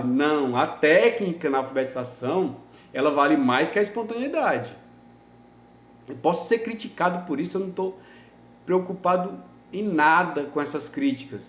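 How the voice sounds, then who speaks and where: A Brazilian man lectures a class with a raised, high voice. He talks emphatically and keeps asking rhetorical questions. His voice rings around a reverberant room. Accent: Brazilian Portuguese. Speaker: teacher. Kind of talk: university lecture.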